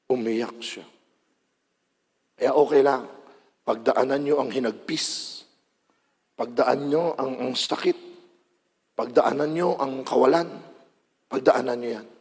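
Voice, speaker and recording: A man with a Filipino accent preaching a sermon, dramatic, moving between loud outbursts and hushed lines. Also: medium pitch, measured pace, pauses often, long reverb tail.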